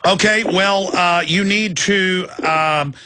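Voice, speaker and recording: A man's voice: high voice, slow pace, background noise. A man hosting a live radio show, giving a caller urgent, insistent advice and often stammering over repeated words into a studio microphone. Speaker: radio host.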